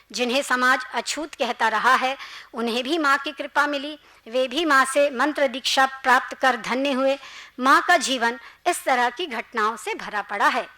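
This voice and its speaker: A woman's voice: high-pitched, pushed and bright. A woman speaking at a seminar, telling devotional anecdotes in an earnest storytelling manner and voicing the characters' dialogue.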